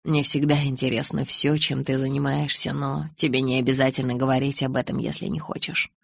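A woman voicing a calm, tender young man with soft, restrained speech in an audiobook. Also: a bass voice, brisk, creaky, no echo, exaggerated voice. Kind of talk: audiobook character reading.

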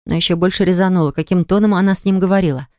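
Male narrator for romance audiobook; mid-pitch, dry close sound. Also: steady tone, racing, warm tone, smooth, no echo. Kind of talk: scripted narration. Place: studio.

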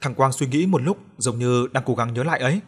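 A man tells a ghost story in a steady, even storyteller's voice. His pitch sits in a plain middle range for a man, and the reading stays calm. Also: fairly quick, husky. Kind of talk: scripted ghost story narration.

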